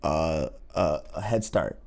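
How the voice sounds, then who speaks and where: A man's voice: very deep voice, slow, vocal fry, darkish tone. A man co-hosting a casual political chat, talking in a laid-back, slangy way. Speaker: co-host.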